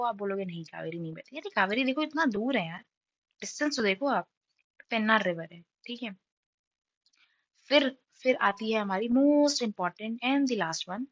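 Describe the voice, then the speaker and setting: A woman's voice: medium pitch, fairly bright tone, dry recording, muffled recording. A young woman teacher with a sore throat, running an exam-prep map lesson, quizzing her students and answering in their voice, checking in often. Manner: repeats key facts with frequent "ठीक है?".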